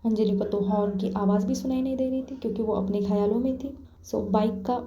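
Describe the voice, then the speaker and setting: A woman with a dark, mellow voice tells a story in a relaxed, chatty way. She slips into the characters' lines as she goes. The recording sounds roomy and dull, like a home setup. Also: medium pitch, a little fast. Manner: voices the characters' dialogue herself. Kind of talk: casual spoken storytelling.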